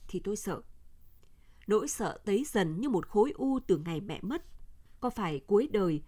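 Calm woman reading a radio story. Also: medium pitch. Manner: measured, even storytelling. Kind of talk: scripted narration of a novel.

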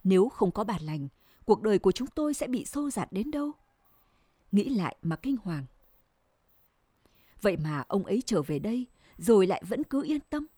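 A woman narrating a scripted first-person story in a measured, sorrowful way. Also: mid-range voice, big pitch swings, mellow, no echo, studio quality.

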